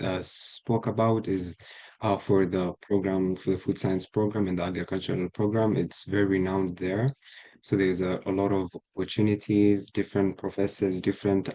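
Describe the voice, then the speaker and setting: A young man from Kenya speaks on a panel with a very low voice. His tone is mellow. He hesitates often with fillers. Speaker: undergraduate student panelist. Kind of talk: panel answers. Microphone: video call.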